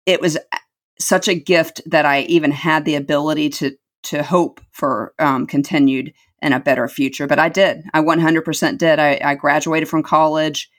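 A middle-aged woman with a low voice tells her life story as an interview guest. She is earnest and reflective, repeating words for emphasis.

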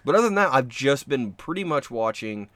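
A man chatting casually, telling stories with lively acted-out quotes. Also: brisk, crowd noise. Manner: animated storyteller, acts out quotes with big pitch jumps. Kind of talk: casual chat.

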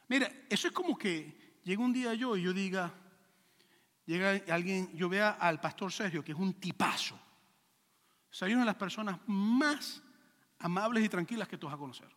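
A male pastor preaching a sermon with lively acted-out quotes and rhetorical questions to the congregation. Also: high-pitched, moderate pace, long pauses, big-room sound.

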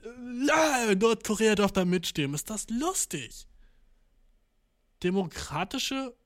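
Young guy reacting to the news, kinda high voice, slangy and sweary. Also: expressive, slow pace. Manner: slangy, swearing, mixing English words; mock voices for countries. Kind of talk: casual reaction commentary.

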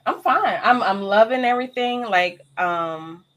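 A woman's voice: mid-range voice, measured pace, fairly bright tone, dull audio, slight background noise. A woman in her thirties, a guest in a casual chat, talking easily with frequent fillers and laughs. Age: 30s. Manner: chatty, laughs often, uses lots of fillers.

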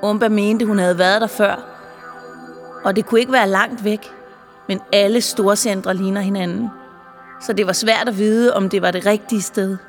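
A woman reading a children's story aloud in a calm, clear storytelling voice. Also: mid-range voice, in a large hall, soft background music. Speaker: narrator. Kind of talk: audiobook narration for children.

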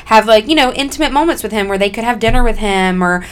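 A woman's voice: a little high, animated, quick pace, clean tone. A woman co-hosting a podcast, speaking conversationally in an effusive, appreciative way. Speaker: podcast co-host. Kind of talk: casual, conversational podcast chat.

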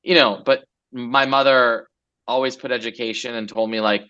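In a casual interview chat, a Los Angeles entrepreneur in his forties tells his story as a guest, relaxed and rambling, looping around with lots of fillers. His voice is bright, forceful and smooth at a middling pitch and normal speed, though the recording is somewhat dull and lo-fi.

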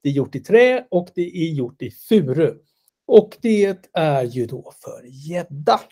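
A man co-hosting a casual podcast chat, making dry jokes and quick quips. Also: on the high side, big pitch swings, mellow. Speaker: podcast co-host.

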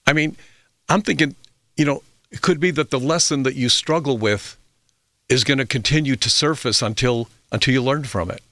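A man's voice: mid-range voice, normal speed, sharp tone, no echo. A middle-aged man hosting a health radio show, telling reflective stories with fillers and restarts. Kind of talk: radio talk monologue.

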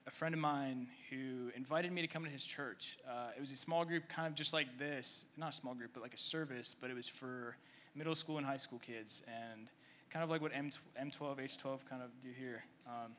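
Bright-voiced young man sharing his story. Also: mid-range voice, steady tone, slight background noise. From Egypt. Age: 20s. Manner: halting, many fillers and restarts. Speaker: church member guest. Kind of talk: conversational testimony on stage. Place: church service stage.

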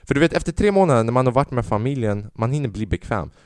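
A young man, a comedian, telling a story in a profane, animated casual rant, dropping in English phrases. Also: medium pitch, smooth, dry recording, studio quality.

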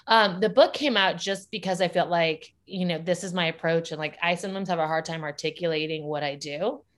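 A woman's voice: on the low side, fairly even intonation, brisk. A woman talking casually as an interview guest about her work with parents and children, upbeat and laughing often as she speaks. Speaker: guest, parenting educator and school founder.

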